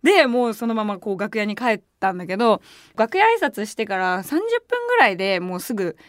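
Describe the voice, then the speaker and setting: A woman hosting a radio show, telling stories in a casual, animated and excitable way from a studio microphone. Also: medium pitch, a little fast, no echo. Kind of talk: casual solo radio chat.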